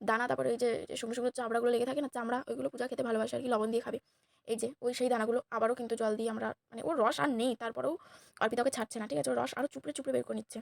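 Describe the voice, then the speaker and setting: A young woman with a Bengali accent, slightly hoarse, chatting and teasing her friends as she narrates a casual vlog to viewers. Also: a little high, fairly even intonation, very fast, dry recording. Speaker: vlogger.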